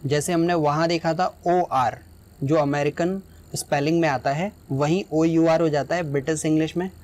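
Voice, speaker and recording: Man explaining a lesson, fairly high voice. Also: fairly even intonation, normal speed, darkish tone. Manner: explanatory, often checks in with "right?". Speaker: teacher.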